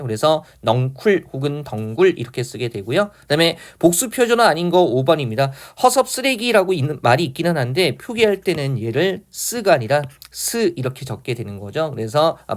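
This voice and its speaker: A man giving an online exam-prep lecture on Korean grammar. He explains step by step and asks his students questions he then answers himself. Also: fairly high pitch.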